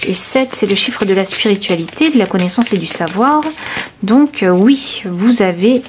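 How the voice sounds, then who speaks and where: A woman's voice: mid-range voice, lively intonation, normal speed, noisy background. Hesitant woman giving a tarot reading. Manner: hesitant, searching, many fillers and restarts; intimate, reassuring, addresses viewer directly. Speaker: tarot reader. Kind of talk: intuitive tarot reading to camera.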